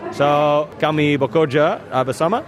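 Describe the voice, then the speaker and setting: An Australian man, a native English speaker, giving interview answers in halting, simple Indonesian as a foreigner, with English words mixed in. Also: on the high side, over a noisy crowd. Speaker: member of state parliament, interviewee.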